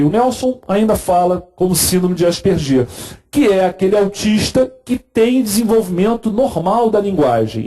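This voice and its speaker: A man's voice: high voice, warm tone. A man giving a conversational medical lecture, explaining with everyday examples.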